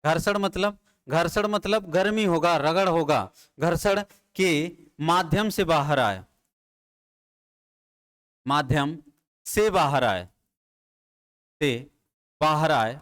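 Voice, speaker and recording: A fairly high, expressive and fairly bright voice belongs to a man lecturing on Hindi grammar at a classroom board. He speaks slowly and pauses often, talking to his students in a familiar way and drilling terms by posing questions he answers himself, over and over.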